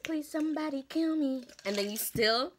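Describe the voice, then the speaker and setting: A woman's voice: high-pitched, moderate pace, a little hiss or hum. A woman chatting casually with her sister over a meal, making dry, joking asides. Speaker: vlogger's sister. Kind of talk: casual chat during a mukbang.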